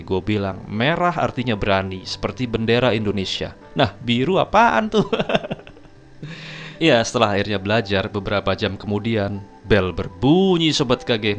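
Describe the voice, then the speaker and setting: Low-voiced man telling a chatty story. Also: creaky. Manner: chatty, keeps addressing his viewers, chuckles often. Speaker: storytelling vlogger. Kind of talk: casual first-person storytelling.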